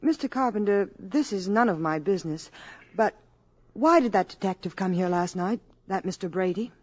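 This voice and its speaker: A polite but wary young mother, voiced by a woman, in a mid-range voice with crisp, genteel diction. It is classic 1950s radio acting. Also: mid-range voice, moderate pace, darkish tone, close to an everyday voice.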